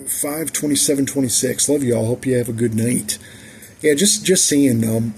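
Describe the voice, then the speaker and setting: A tired middle-aged man reading his own poetry in a measured, deliberate way, with frequent restarts. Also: medium pitch, warm tone, slight background noise.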